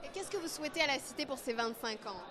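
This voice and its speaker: A woman asking brisk, polite questions as an event interviewer at a gala. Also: high-pitched, animated, noisy background. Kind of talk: red-carpet interview questions. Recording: busy crowd at a gala.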